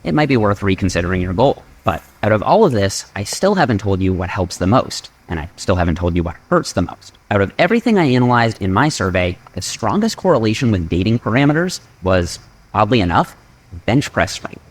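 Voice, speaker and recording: A man narrating a scripted fitness explainer in a measured, data-driven way. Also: lowish voice, sing-song.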